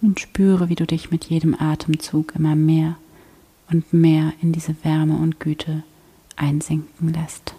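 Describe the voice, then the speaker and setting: A woman guiding a prayer meditation in a soft, slow, half-whispered voice. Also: deep voice, level tone, slightly rough. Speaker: prayer guide.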